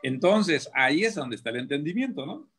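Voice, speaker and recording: Husky man preaching on radio. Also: a little high, very animated, normal speed, a bit bright. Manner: emphatic, full of rhetorical questions and restarts. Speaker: prison preacher. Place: radio studio.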